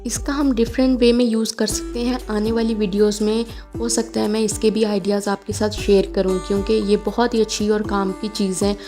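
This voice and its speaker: A woman's voice: medium pitch, level tone, brisk, dark tone. A woman, giving a chatty, homely step-by-step craft tutorial with frequent fillers. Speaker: DIY craft vlogger. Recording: home video with faint background music.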